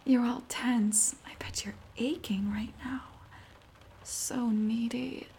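Woman acting as seductive bossy neighbor, whispered role-play right in your ear, mellow, creaky edges, breathy, coaxing, close mic. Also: fairly high pitch, fairly even intonation, a little hiss or hum. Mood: teasing, withholding. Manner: slow, coaxing, breathy delivery. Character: seductive, teasing, dominant female neighbor.

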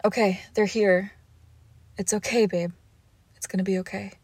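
A young woman playing a devoted girlfriend who nurses her sick partner, coaxing and protective, often dropping to a hush. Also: mid-range voice, fairly even intonation, moderate pace, slightly rough, no echo. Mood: soothing. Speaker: audio roleplay performer. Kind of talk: audio roleplay addressed to the listener.

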